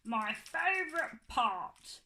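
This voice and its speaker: A woman voicing a cheeky, hungry puppet creature boy, talking in a squeaky, silly way. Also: sing-song, sharp tone, roomy sound, heavily acted. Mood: playful. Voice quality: squeaky, high cartoonish voice. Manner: silly, greedy, quick to sulk.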